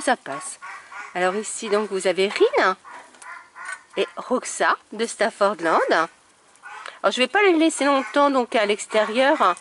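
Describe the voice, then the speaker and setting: A woman's voice: high voice, slight background noise. A woman breeding dogs, chatting casually to camera outdoors by a kennel and cooing affectionately at her puppies. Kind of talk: casual vlog narration.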